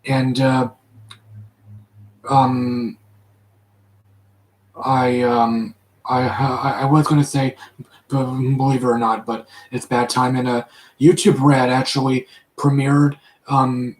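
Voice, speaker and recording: A man chats casually on a live stream, and he keeps restarting his sentences with repeated words and lots of ums. His pitch sits in the middle for a man. The sound has a roomy echo. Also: darkish tone. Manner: halting, many repetitions and fillers. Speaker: live chat host. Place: his room.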